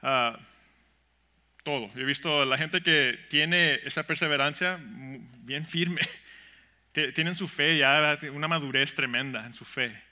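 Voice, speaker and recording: A man preaches a sermon to his church, his voice high and very bright with a ringing edge. He keeps it conversational and chatty, slipping in chuckles and calling out to the congregation for amens. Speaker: pastor. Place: church sanctuary.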